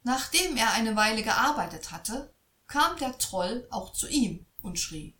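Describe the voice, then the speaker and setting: Slow, expressive woman reading a fairy tale. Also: fairly high pitch. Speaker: storyteller. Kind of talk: fairy tale read aloud. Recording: echoey room.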